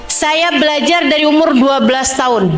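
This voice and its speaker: A woman's voice: high-pitched, moderate pace, soft background music. A female religious teacher giving a chatty, humorous sermon to a women's gathering, talking straight to her listeners. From Indonesia. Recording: echoey hall.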